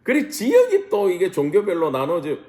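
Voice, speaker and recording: A man's voice: high voice, huge pitch swings, fairly quick, darkish tone, echoey room. A man, a pastor, teaching a Bible study class in a church room, asking rhetorical questions and mixing casual and polite speech.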